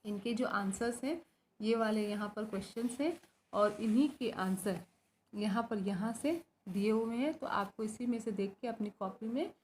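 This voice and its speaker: A woman's voice: on the high side, normal speed, a little hiss or hum. A woman teacher giving a recorded school lesson, explaining step by step, asking her own questions and answering them, and often checking in with "right?". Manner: often adds "है ना" to check understanding.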